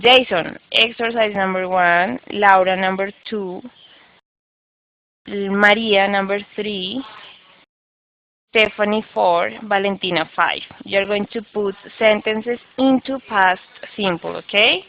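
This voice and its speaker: A woman's voice: medium pitch, takes it slowly, muffled recording. A woman with a Colombian accent teaching English grammar online, explaining step by step and checking in often with her students. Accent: Colombian Spanish.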